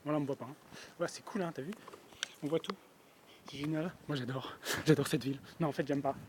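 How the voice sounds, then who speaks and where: Rambling high-voiced young man on a phone. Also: fairly even intonation, quick pace. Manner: rambling, self-contradicting and mock-serious, swearing then taking it back. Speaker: vlogger doing a mock street report. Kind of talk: rambling comic monologue. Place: outdoors in a town street at night, near a river. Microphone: phone held in hand. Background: faint river noise.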